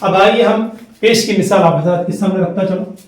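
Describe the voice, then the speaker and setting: Teaching Quranic letters with a Hyderabadi Urdu accent, this high-voiced man spells each letter and syllable aloud and says it again in a slow, deliberate classroom style. The recording sounds roomy, as if the mic were far away.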